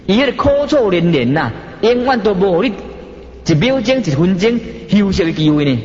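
A man's voice: sits high, sing-song, normal speed, darkish tone. A man preaching a Buddhist sermon in a Taiwanese Hokkien accent, with dramatic, swooping emphasis. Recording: dull echoey hall.

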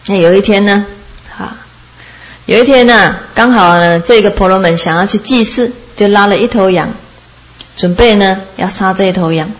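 A woman giving a Buddhist dharma talk, telling a story in a lively way and often laughing as she speaks. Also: mid-range voice, moderate pace, low-quality recording. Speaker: Buddhist teacher.

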